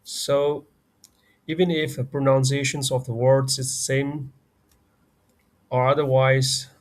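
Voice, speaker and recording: Slow Burmese-accented man tutoring. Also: mid-range voice, flat delivery. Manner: slow and deliberate, repeating example phrases twice. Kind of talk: beginner language lesson.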